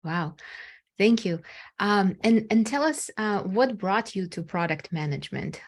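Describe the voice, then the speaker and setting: A woman's voice: medium pitch, animated, measured pace. A woman moderating a panel, giving brief, encouraging prompts to the guests. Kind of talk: hosting a panel interview.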